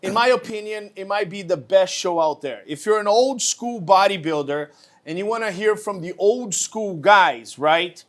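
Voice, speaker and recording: A man's voice: sits high, animated, moderate pace, a bit bright. A man co-hosting an interview, talking casually and enthusiastically. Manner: enthusiastic, praising. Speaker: co-host.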